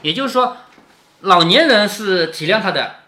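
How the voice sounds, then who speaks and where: A man's voice: high-pitched, lively intonation, normal speed, bright, forceful tone, reverberant. A man reading a classic novel aloud to his daughter, stopping often to explain and asking her if she follows. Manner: explaining, keeps asking "right?".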